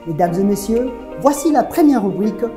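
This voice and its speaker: A woman hosting a business web show, asking formal, measured interview questions. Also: mid-range voice, expressive, music in the background.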